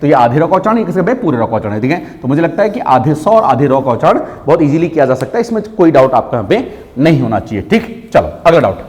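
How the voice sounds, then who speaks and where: Hindi teacher man, higher voice, reverberant room. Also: big pitch swings, fast talker, darkish tone. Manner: explanatory, repeats "ठीक है" often. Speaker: teacher answering student doubts. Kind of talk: online exam-prep lesson.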